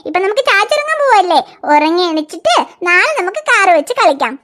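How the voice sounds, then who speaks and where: A woman's voice: extremely high pitch, very animated, quick pace, heavy background noise. A woman voicing a young cartoon mother who coaxes and soothes her crying toddler in a fretful, sing-song way. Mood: coaxing. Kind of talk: cartoon dialogue.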